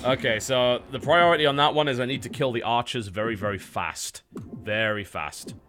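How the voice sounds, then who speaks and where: An English man streams himself playing a game, analysing his moves and explaining his tactics as he goes, with the odd swear word. His voice is medium-pitched and a bit bright, at a moderate pace, with game music behind him.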